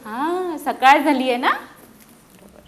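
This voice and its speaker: Brief: high-voiced, lively woman teacher reading aloud, echoey classroom. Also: slow pace, slight background noise. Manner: animated, keeps questioning the children. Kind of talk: reading a picture book aloud to children.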